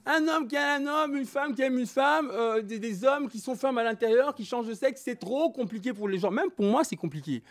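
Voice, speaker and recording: A man born in Belgium and raised in Congo, telling his own story as a guest in a candid interview, talking in an animated, emphatic way. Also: extremely high pitch, a little fast, hardly any pauses. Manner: animated, emphatic, switching between French and Lingala.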